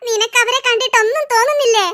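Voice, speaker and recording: A mischievous cartoon boy teases his friend through constant giggles. His voice is extremely high and bright. The tone stays playful and mocking throughout. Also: quick pace. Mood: teasing. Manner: teasing, giggly. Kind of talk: cartoon voice acting.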